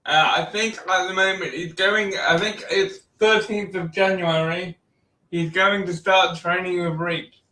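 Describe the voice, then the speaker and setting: A man hosting a casual wrestling chat, relaxed and chatty, laughing often. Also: high voice, unhurried. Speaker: podcast host. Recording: roomy echo, distant mic.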